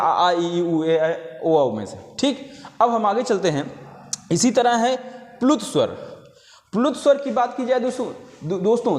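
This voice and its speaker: A man with a high voice teaches an exam-prep grammar lesson, going over each definition more than once. He keeps calling his viewers friends as he explains. The sound is roomy, with a long reverb tail behind his voice. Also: a little mellow. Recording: echoey room with long reverb.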